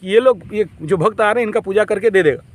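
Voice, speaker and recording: A man's voice: high-pitched, quick pace. A man, a spiritual teacher, telling devotional stories in a casual, colloquial way and chuckling between lines.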